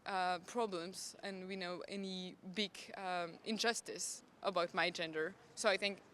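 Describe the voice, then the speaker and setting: A woman's voice: on the low side, fairly even intonation, unhurried, a bit bright, a little hiss or hum. A young woman from Belgium answering a street interview outdoors, hesitant and full of fillers.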